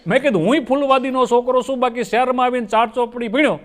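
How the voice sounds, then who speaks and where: A man's voice: extremely high pitch, fast talker, a faint crowd. A man telling folksy comic stories on stage and acting out his characters' lines. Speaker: folk comedian. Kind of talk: stage comedy storytelling.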